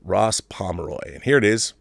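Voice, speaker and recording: With a gravelly, low-leaning, animated voice at a moderate pace, this man hosts a casual livestream where he reads comments and articles aloud. He makes conversational asides and repeats phrases for emphasis. No echo is present.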